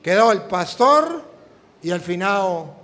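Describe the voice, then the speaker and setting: High male priest, lively storytelling sermon with voiced dialogue, reverberant hall. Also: slow.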